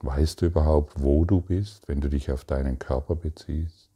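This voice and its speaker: A man giving a calm, meditative spiritual talk, speaking to the listener directly and asking probing questions in halting phrases. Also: very deep voice, breathy edge. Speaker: spiritual teacher.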